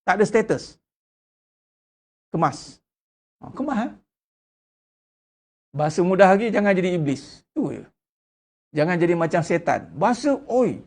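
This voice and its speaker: A middle-aged man with a Malaysian Malay accent, preaching a sermon in a blunt, lively way and acting out the people he quotes. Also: high-pitched, a little slow, long pauses. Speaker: religious teacher.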